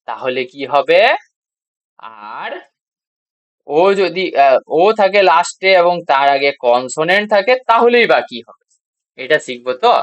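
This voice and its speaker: A man's voice: a little high, a bit bright, dry recording. A man teaching English grammar to beginners, with a Bengali accent, spelling out word endings and answering his own questions. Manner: asks rhetorical questions and answers them, repeats spelled letters. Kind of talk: classroom grammar lesson.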